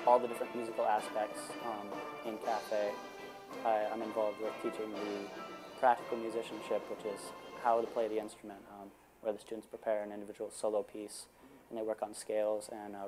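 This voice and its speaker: A man's voice: on the low side, level tone, fairly quick. A young man, a music instructor, explaining what he teaches with small hesitations. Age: young adult. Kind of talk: interview. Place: indoor room lined with bookshelves.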